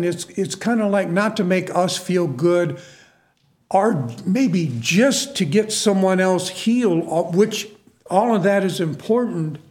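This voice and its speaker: A man's voice: high-pitched, darkish tone. A man preaching and telling a story in a folksy, earnest way, often repeating his words and calling for an amen. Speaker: preacher and prison minister. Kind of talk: storytelling sermon.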